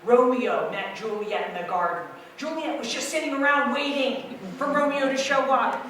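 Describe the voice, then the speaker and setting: A woman's voice: fairly high pitch, normal speed, a bit bright, slight background noise. A woman speaking frankly to an audience, brash and punchy. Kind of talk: blunt talk to an audience. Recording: echoey room from far off.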